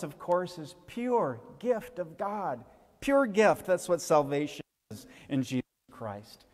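A man, a pastor, giving a funeral sermon and telling a gentle story to the children. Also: medium pitch. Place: church sanctuary. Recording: reverberant church hall.

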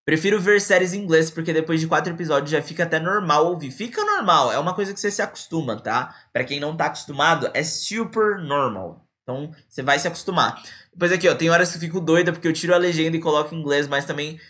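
A man's voice: fairly high pitch, fast, pushed and bright. A young man from Brazil, teaching a casual live online English lesson and mixing in English examples.

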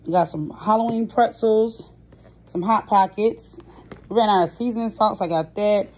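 At a moderate pace and medium pitch, a young woman vlogger casually walks through her groceries. She stays off camera indoors at home, filming the items on her phone while chatting relaxedly with plenty of fillers.

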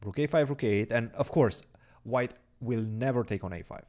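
A man's voice: medium pitch, moderate pace, darkish tone. A young man giving chatty live chess commentary, thinking aloud about the moves and chatting with viewers.

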